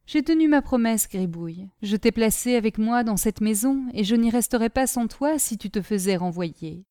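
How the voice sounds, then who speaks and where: A woman playing a gentle, devoted sister. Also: fairly high pitch, expressive, moderate pace, no room sound, clean studio sound, natural voice. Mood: tender. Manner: tender, pleading, earnest.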